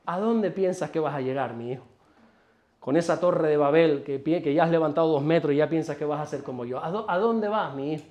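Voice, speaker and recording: A man from Spain voicing God as an amused, chiding heavenly father, with a low, hushed, mocking tone. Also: normal speed, muffled recording, natural voice. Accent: Spain Spanish.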